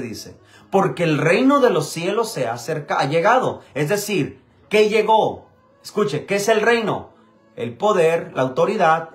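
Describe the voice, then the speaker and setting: A man preaching a sermon as pastor, repeating phrases and calling for answers from his listeners. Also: a little high. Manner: preaching with repetition and call-and-response.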